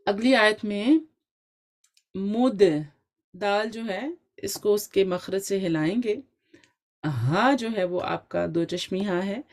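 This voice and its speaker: A woman's voice: medium pitch, a little mellow. A woman teaching Quran recitation in an online class, with speech, explaining step by step and checking in often with her students.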